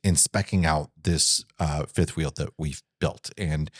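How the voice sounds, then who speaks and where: A man's voice: rumbling low, steady tone, a little slow, dry recording, studio quality. A man co-hosting a casual podcast, chatty and self-deprecating, often trailing off and restarting. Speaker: podcast co-host. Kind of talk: casual chat.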